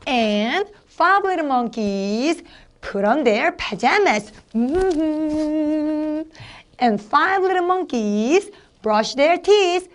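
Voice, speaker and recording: Middle-aged woman, high voice, slow animated picture-book reading with sound effects. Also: slight background noise. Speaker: English storytelling instructor. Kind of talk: storybook read-aloud demonstration.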